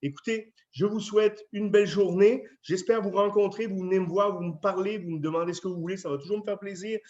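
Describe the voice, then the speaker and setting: Chatty French chef, high voice. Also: male voice, fairly even intonation, fast talker, darkish tone. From France. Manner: chatty, friendly, with many fillers. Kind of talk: casual address to residents. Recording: dull lo-fi video sound.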